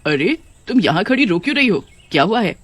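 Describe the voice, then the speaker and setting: A woman voicing a calm, regal queen of witches in a cartoon horror story, who speaks graciously and grants favours. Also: mid-range voice, fairly quick, no room sound.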